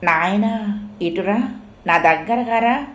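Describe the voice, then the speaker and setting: A woman voicing a melodramatic, wailing old mother, with a high, crying voice in a roomy-sounding recording. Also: slow pace, lo-fi sound, natural voice. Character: old blind mother, tearful and overjoyed. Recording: roomy echo.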